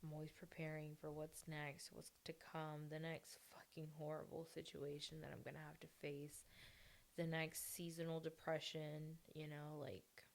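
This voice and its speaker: A young adult woman talks frankly into her own podcast, blunt and full of swearing. Her voice sits on the low side, with a gravelly, fry-laden texture. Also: monotone, moderate pace, a little hiss or hum. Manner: blunt, heavily profane venting. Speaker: podcast host. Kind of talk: candid personal monologue.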